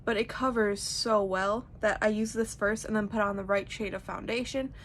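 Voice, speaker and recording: A woman's voice: medium pitch, steady tone, normal speed, fairly bright tone, slight background noise. A young woman giving a casual, chatty tutorial, rambling informally with lots of "like". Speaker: makeup tutorial host.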